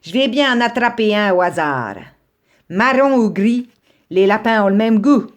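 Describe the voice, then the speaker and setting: A sly, hungry fox, as a woman puts him on for a storybook reading, gloating over his easy meal. He draws out his words slowly and relishes each one. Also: mid-range voice, lively intonation, pitched above the performer's own voice, close to an everyday voice. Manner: gloating, drawn-out speech.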